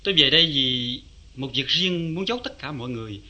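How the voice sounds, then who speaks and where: An actor with a Southern Vietnamese accent playing a weary, poetic wandering man in a radio drama, speaking softly and reflectively. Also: mid-range voice, animated, fast talker. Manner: soft-spoken, reflective and poetic. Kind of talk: vintage radio drama acting. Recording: faint music behind.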